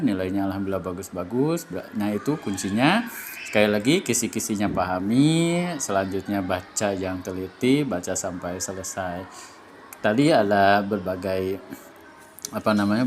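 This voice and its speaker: A man's voice: fairly low pitch, lively intonation, moderate pace, slight background noise. A man, a teacher talking students through an exam study guide in a loose, chatty way, full of fillers and restarts. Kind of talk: casual exam review lesson.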